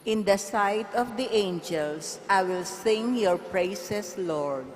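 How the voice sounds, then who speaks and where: Reverent woman cantor in cathedral echo. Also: mid-range voice. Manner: slow, reverent. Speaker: cantor and lector. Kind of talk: leading psalm responses at Mass. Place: large church. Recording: long echoing church reverb.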